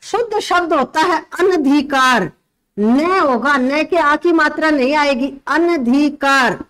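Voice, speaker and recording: A woman teaching a grammar lesson for exam prep, with a slight tinge, explaining slowly and repeating key words for her students. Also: sits high, low-quality recording.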